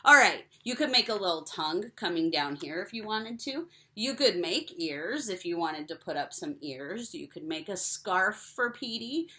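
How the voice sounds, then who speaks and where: A woman's voice: lowish voice, lively intonation, normal speed, few pauses, bright, forceful tone. A young woman giving cheerful step-by-step craft instructions to children. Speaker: teacher.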